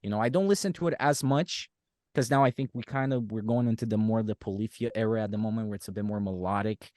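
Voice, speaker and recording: A man's voice: fairly low pitch, fast talker, no room sound, studio quality. A man from Romania, a podcast guest and musician, chatting casually and telling stories with acted-out quotes. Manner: animated storyteller, acts out quotes. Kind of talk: casual chat.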